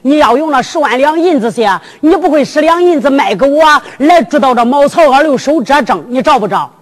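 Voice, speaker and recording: A woman's voice: high-pitched, lively intonation, a little fast. A woman doing a stammering naive young prince. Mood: bewildered. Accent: Henan. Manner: stammering, fumbling. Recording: long hall reverb with music.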